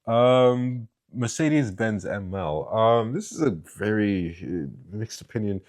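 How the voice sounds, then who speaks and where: A man's voice: lowish voice, lively intonation, slow, darkish tone. A young man from East Africa giving a casual, rambling tier-list review of family cars, with many fillers and restarts. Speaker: car reviewer.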